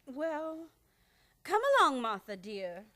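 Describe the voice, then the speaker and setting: An actress playing a fussy, secretive elderly aunt, gently bossy, in old-time radio comedy style. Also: female voice, sits high, expressive, takes it slowly, dry recording, exaggerated voice. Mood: dismayed.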